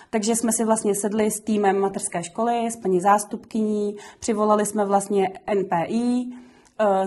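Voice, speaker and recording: A woman's voice: medium pitch, darkish tone. A woman who runs a kindergarten, giving earnest, explanatory answers in a documentary interview, with frequent fillers. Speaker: kindergarten director.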